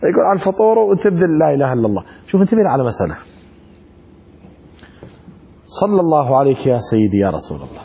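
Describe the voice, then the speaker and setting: A man's voice: mid-range voice, fast, gravelly, pauses often, husky. A man giving a religious law lesson, mixing readings with colloquial, joking asides. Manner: lively, colloquial, joking asides between read-out text. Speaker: religious teacher. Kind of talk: classroom lecture on religious law.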